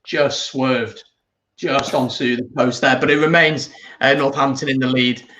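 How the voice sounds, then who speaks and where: A man's voice: medium pitch, fairly even intonation, unhurried, fairly bright tone, slight background noise, low-quality recording. A man hosting a casual live rugby watch-along, chatting and reading out viewer comments. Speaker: watch-along stream host.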